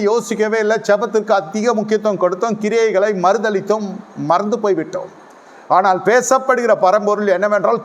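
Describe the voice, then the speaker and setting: A man preaching a sermon emphatically, repeating his key phrases for weight. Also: sits high.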